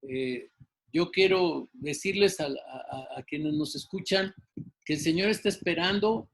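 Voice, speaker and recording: A man with a notably high voice speaks as an interview guest. He talks slowly and emphatically like a preacher and stumbles on fillers now and then. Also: fairly bright tone, poor audio. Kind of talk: exhortation in an interview.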